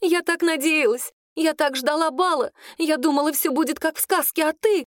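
A woman's voice: moderate pace, dry recording, studio quality, natural voice. A woman reading an audiobook, voicing a jealous, accusing young serving girl. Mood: tearful. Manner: accusing, shrill and tearful. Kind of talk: audiobook character voice.

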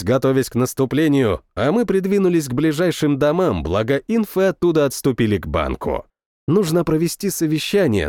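A man's voice: mid-range voice, a little mellow, no room sound. A man reading a first-person war story in a matter-of-fact way, close to the mic. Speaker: audiobook narrator. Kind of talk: first-person audiobook narration.

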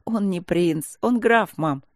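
A reader voicing a quiet, restrained woman army captain who answers her mother calmly and firmly, in an audiobook. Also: medium pitch, slow, dry recording, clean studio sound, lightly acted.

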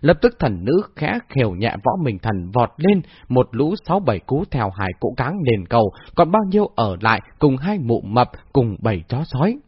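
A man's voice: medium pitch, moderate pace, hardly any pauses, breathy edge, no room sound. A man narrating a novel expressively as an audiobook reader. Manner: expressive, lively storytelling. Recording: dull lo-fi dry recording.

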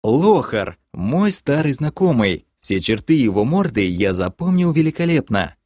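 A man reading a first-person audiobook with expressive storytelling on a close mic. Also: medium pitch, a little slow, no echo. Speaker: audiobook narrator.

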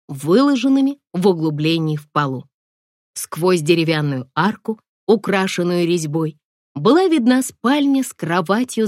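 A woman narrating a first-person audiobook in a wry, expressive storytelling manner. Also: fairly low pitch, no room sound, studio quality.

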